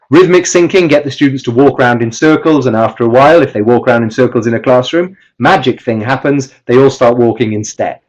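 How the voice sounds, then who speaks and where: A man's voice: mid-range voice, darkish tone, rough recording. A man giving a live webinar talk as a teacher trainer through a computer mic. He explains step by step, often restarts his sentences and stresses his example words. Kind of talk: live online presentation. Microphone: computer mic with webcam.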